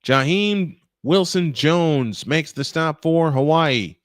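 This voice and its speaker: Excitable man calling football play-by-play. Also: on the high side, no echo. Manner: rising excitement on big plays, quick self-corrections. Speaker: play-by-play announcer. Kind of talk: play-by-play commentary.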